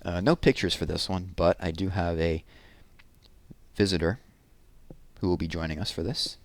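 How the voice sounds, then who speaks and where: With a deep voice, a man performs children's poems and picture books in an expressive, unhurried way, pausing for chatty asides. A little hiss or hum runs under the recording.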